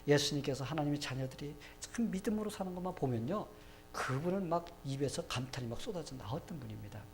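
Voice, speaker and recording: A man's voice: on the high side, expressive, quick pace, creaky. A man preaching a sermon as pastor, emphatic and conversational, often speaking directly to the congregation.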